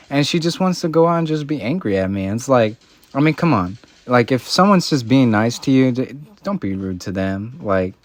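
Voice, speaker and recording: A man's voice: fairly low pitch, no echo. Frustrated young man rambling, dry sound. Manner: rambling, frustrated, lots of filler "like". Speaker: vlogger. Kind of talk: casual rant while gaming.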